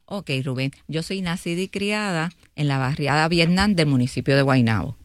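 A woman's voice: low voice, no room sound. A Puerto Rican woman in her fifties, a mayoral candidate speaking earnestly in a studio interview and often checking in with "¿verdad?". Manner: earnest, fills pauses with "¿verdad?". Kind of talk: radio interview.

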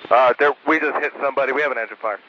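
A male airline pilot speaking over a cockpit radio link to the control tower, clipped and steady as he reports numbers. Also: medium pitch, no room sound. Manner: clipped and steady, reporting figures with brief pauses. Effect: cockpit radio transmission over a headset. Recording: muffled air traffic radio with faint hiss.

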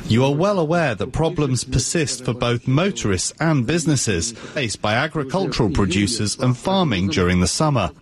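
A man interpreting a speech as a translation voice-over, speaking in a measured, even way. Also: mid-range voice.

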